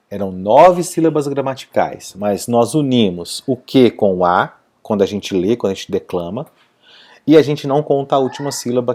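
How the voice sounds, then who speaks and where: A man's voice: mid-range voice, a little mellow. A man teaching a video lesson, explaining step by step and often checking in with his listeners.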